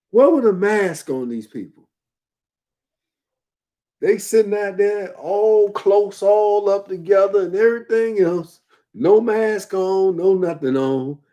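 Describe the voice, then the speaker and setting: Guy ranting in casual commentary, drawn-out slow delivery, says ain't a lot, hammers his points home. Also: sits high, dark tone. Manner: slow, emphatic, repeats himself for effect; colloquial, drops verbs and uses double negatives.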